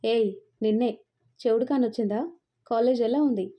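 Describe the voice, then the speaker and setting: A woman's voice: a little high, steady tone, brisk, dark tone, lightly acted. A woman reading the part of a domineering, possessive young man who scolds and threatens. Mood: menacing. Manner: commanding, scolding.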